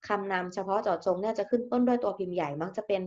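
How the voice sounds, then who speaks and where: A woman's voice: mid-range voice, rapid-fire, mellow, highs cut off. A woman teacher giving a recorded grammar lesson, explaining English terms and often repeating words.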